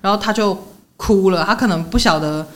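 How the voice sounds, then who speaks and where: Young woman rattling off a story quick, laughs a lot, mid-pitched podcast chat. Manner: animated storyteller, laughs often. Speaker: podcast co-host. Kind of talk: casual chat.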